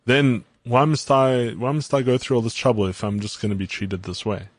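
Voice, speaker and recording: A man's voice: medium pitch, steady tone, a little fast, dry recording. A man in a casual chat, earnest, explaining his views with everyday examples and a few stumbling starts.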